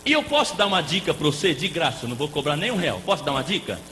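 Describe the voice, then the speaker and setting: A man preaching a lively sermon as a pastor, playful and joking with the congregation. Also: fairly high pitch, racing. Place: church hall. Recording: echoey hall with faint noise.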